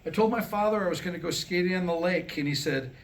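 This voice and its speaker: Talking fast in a high voice, the middle-aged playwright tells stories and performs a comedic monologue at a staged reading before a live crowd. The recording, made live in the room, has background noise.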